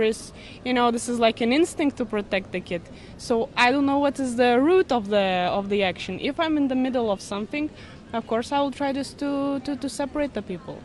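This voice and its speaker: A woman with a slightly high voice gives her opinion to a street interviewer, halting and earnest, leaning on fillers. Faint street noise sits under her voice. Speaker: passer-by interviewee.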